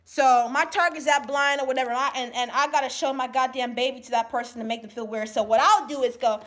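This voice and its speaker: A woman venting to camera in a profane monologue, angry and repetitive, swinging between shouting and low, subdued talk. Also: fairly even intonation, quick pace, a little hiss or hum. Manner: angry, profane ranting with repeated phrases. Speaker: vlogger.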